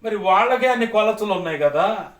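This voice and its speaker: A man's voice: high voice, lively intonation, brisk, a bit bright. A man, preaching a sermon as pastor in an emphatic, repetitive cadence. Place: church hall. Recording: echoey church hall, distant mic.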